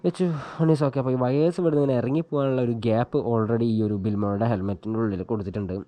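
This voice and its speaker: Speaking fast in a medium-pitched, fairly even voice, a man chats casually while showing how to do an installation. He's a vlogger thinking out loud as he works, and the helmet-mounted action camera makes the sound muffled.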